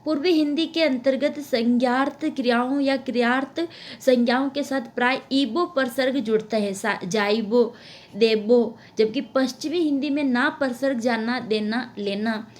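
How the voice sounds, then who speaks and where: A woman delivers an exam-prep lesson as steady dictation. Her voice sits high, and she paces herself deliberately, pausing on each example word and saying it again so students can write it down. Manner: slow, deliberate dictation with repeated example words. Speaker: teacher.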